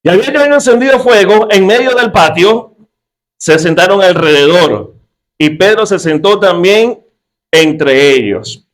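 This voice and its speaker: Animated preaching man, playful. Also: a little slow. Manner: lively, acts out quotes with sudden pitch jumps. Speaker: pastor. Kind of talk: humorous sermon.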